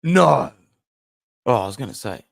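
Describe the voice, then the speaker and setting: A young man hosting a casual football fan stream, chatting and reacting aloud to match highlights, with loud outbursts and low muttered asides. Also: very animated, unhurried, creaky. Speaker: football fan channel host. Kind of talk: casual live-stream commentary.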